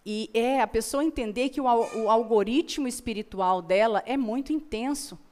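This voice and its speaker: Speaking at a normal pace, this Brazilian woman has a fairly high pitch and a dark tone. She's a motivational guest sharing personal stories with earnest emphasis, often repeating phrases to drive points home.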